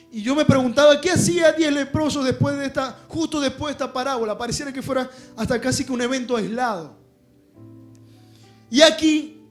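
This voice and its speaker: A man preaching a sermon, swinging from loud impassioned shouting to quiet, hushed stretches. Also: very high voice. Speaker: pastor.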